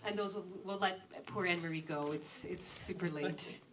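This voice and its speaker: A woman's voice: fairly low pitch, normal speed, fairly bright tone, far from the mic, slight background noise. A woman moderating the Q&A, light and joking about the late hour.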